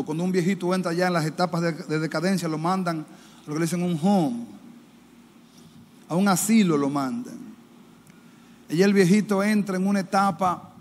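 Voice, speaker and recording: A man with a Dominican Spanish accent preaching a sermon as pastor, impassioned, mimicking the people he quotes in higher, louder voices. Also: slight background noise. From Dominican Republic. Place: church. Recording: reverberant church hall, faint ambience.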